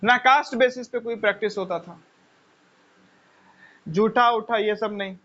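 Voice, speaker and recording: A man's voice: high-pitched, a little slow, a bit bright. A man teaching a class in a conversational way, full of rhetorical questions and repeated phrases. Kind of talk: lecture with personal stories. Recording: dull lo-fi sound.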